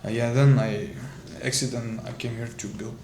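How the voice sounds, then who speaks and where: A man in his twenties from Kazakhstan, a startup founder being interviewed, speaking halting English with many fillers. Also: medium pitch, fairly even intonation, a little mellow. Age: 20s. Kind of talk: casual interview. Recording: roomy echo with clear background noise.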